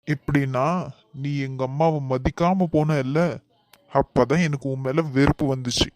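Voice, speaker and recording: A man's voice: mid-range voice, fairly even intonation, moderate pace, darkish tone, dry recording, natural voice. A man voicing a married young cartoon man with a Kanyakumari Tamil accent, firmly turning away his ex. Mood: cold, firm. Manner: firm, exasperated, then coaxing. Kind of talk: cartoon voice acting.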